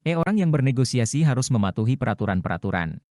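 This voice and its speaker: A man reading practice quiz questions and their answers aloud in a measured, steady way. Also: medium pitch.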